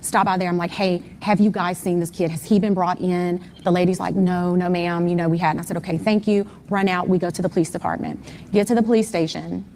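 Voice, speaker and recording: A woman's voice: lowish voice, little pitch movement, a little fast, dark tone, a little hiss or hum. A middle-aged woman, a mother being interviewed, retelling events step by step with frequent fillers. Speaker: interview guest, mother of the missing person. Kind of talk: conversational personal account.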